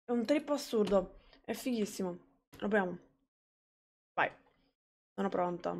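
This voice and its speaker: A young woman streams a game live, reacting loudly and cursing as she plays. Her voice has a gravelly fry, and she drawls her words slowly. She keeps calling out to her chat. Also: medium pitch. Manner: excitable, swearing, talks to chat.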